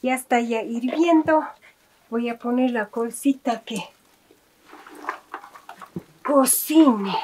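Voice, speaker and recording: A woman's voice: on the high side, slow, long pauses, a little mellow. A middle-aged woman with an Andean Spanish accent, talking casually to camera through a cooking demonstration in a homely way, full of fond diminutives. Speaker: vlogger demonstrating farm cooking. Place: small indoor rustic kitchen with wood fire. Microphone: handheld camera or phone nearby. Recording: clearly noisy, clicking kitchen sounds.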